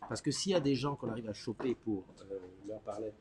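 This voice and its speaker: A man with a medium-pitched voice hosts a casual live morning chat. He talks informally and teasingly, often saying a phrase several times over. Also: fairly quick, a crowd in the background. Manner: informal, teasing, repeats himself. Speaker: live morning show host.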